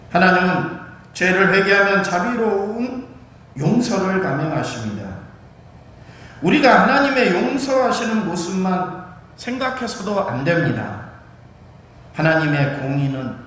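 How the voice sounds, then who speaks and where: A pastor preaching a sermon in a church, with emphatic swells and drawn-out stressed words. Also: male voice, sits high, a bit bright. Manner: emphatic preaching with sudden rises and slowed stresses. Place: church sanctuary. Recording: very echoey hall with faint noise.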